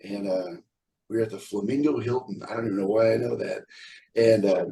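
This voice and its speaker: A man's voice: lowish voice, steady tone, brisk, gravelly, mellow, far from the mic, low-quality recording. A middle-aged man, a square dance caller, chatting in an interview in a blunt, joking, opinionated way. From California. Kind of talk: casual interview chat.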